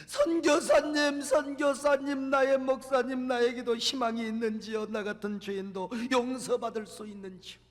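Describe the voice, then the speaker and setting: A sobbing male cook, voiced by a preaching man, pleads brokenly for forgiveness. The tearful voice runs very high and echoes through a long hall reverb. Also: animated, a little fast. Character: weeping male household cook begging forgiveness.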